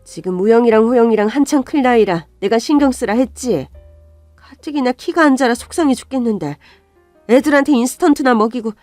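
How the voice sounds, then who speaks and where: Played by a woman, a harsh middle-aged mother nags and berates her eldest daughter in a shrill, fairly high voice that climbs into shouting. The sound is dry and close, with faint music underneath in this storybook radio drama. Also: expressive, brisk, no room sound, close to an everyday voice. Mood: scolding.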